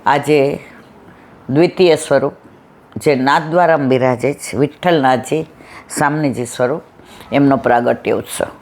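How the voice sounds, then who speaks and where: A woman's voice: very deep voice, moderate pace, pauses often, a little mellow. A middle-aged woman giving a devotional satsang talk, telling stories and acting out both sides of conversations. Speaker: satsang speaker.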